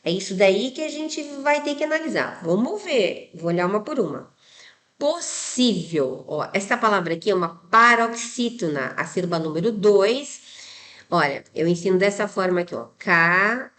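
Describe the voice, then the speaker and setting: Brazilian woman, exam prep teacher, patient and didactic, steady mid-range voice, lots of tag questions. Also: mid-range voice, moderate pace. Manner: didactic, many tag questions, spells out rules step by step. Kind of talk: explaining exam answers.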